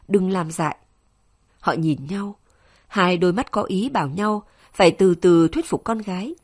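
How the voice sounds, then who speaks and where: A woman narrating a novel with an expressive, emotional reading. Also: on the low side, slightly rough. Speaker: audiobook narrator.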